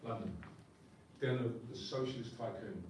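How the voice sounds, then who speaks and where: A man's voice: lowish voice, moderate pace, darkish tone, slight background noise. A man performing slam poetry live, with a rhythmic, emphatic spoken-word delivery. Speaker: poet. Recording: echoey room, distant mic, faint ambience.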